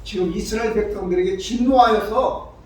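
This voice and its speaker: A male pastor preaching a sermon, who breaks into shouted, acted-out quotes. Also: sits high, fairly quick, a little hiss or hum. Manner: acts out quoted voices with sudden shouts. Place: church sanctuary. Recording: far-off mic in a very echoey church hall.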